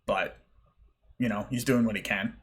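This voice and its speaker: A man running a tabletop game as game master, narrating with a relaxed, halting delivery. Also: on the low side. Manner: relaxed, hesitant with fillers and restarts.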